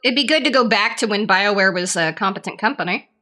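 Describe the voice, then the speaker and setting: A woman's voice: medium pitch, lively intonation, quick pace, sharp tone. A woman co-hosting a casual gaming podcast, making wry, sarcastic remarks. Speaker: podcast co-host.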